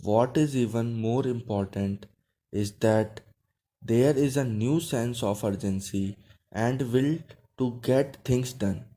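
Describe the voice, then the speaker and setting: A man's voice: mid-range voice, takes it slowly, dark tone. A man with an Indian accent reading a script aloud as dictation, in short, separated phrases. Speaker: dictation reader for shorthand skill test. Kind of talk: slow measured dictation read from a script.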